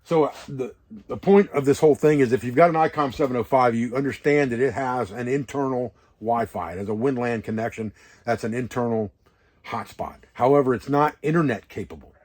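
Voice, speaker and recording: Speaking a little fast, this man has a medium-pitched voice with a darkish tone. He's teaching informally on an outdoor preparedness vlog from a hunting camp's wall tent, rambling through practical, hands-on explanations.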